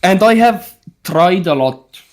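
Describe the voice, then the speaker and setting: A man whose first language is Estonian joins a group video call as a guest, chatting casually. His high-pitched voice is expressive and slow, and he speaks bluntly, swearing freely while rambling through stories.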